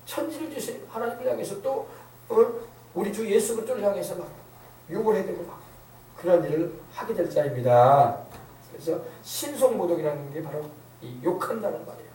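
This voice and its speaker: A man's voice: sits high, lively intonation, a little fast, warm tone, a little hiss or hum. A middle-aged man preaching a sermon as pastor, with rhetorical questions and emphatic repetition. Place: church sanctuary. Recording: echoey church hall, distant mic.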